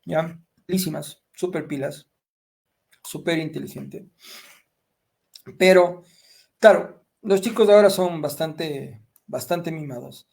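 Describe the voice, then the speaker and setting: A man's voice: a little high, slow pace, vocal fry, pauses often, darkish tone. A middle-aged man giving parenting advice in a conversational way, telling stories and often checking in with short tag questions. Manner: storytelling, frequent tag questions. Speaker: parenting speaker.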